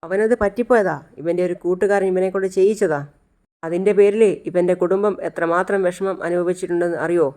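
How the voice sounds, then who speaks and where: A narrator voicing a young man who calmly reasons and reassures. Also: medium pitch, brisk, natural voice. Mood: reasoning. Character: young man defending a friend, calm and firm.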